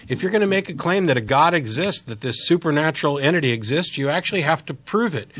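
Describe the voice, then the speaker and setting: A man's voice: a little high, fairly bright tone. A man hosting a live call-in debate, speaking in a blunt, insistent and argumentative way. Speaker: call-in show host.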